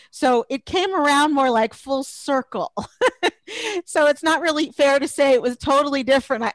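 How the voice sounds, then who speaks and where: A woman's voice: a little high, no echo. A middle-aged woman from Los Angeles, a career coach guest in a podcast interview, talking in a chatty way and laughing often.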